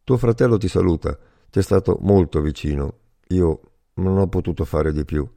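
A man reads out a cautious wartime interpreter, a family man who talks calmly with a dry edge of irony. The voice sits low and dark. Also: moderate pace, gravelly, no echo. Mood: apologetic. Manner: calm, faintly ironic, matter-of-fact. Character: wary Italian male interpreter serving occupiers, family man.

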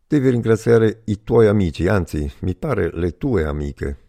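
A man reads out a cautious wartime interpreter, a family man who talks calmly with a dry edge of irony. The voice sits low and dark. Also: unhurried, creaky, dry recording, full character voice. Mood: matter-of-fact. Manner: calm, faintly ironic, matter-of-fact. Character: wary Italian male interpreter serving occupiers, family man.

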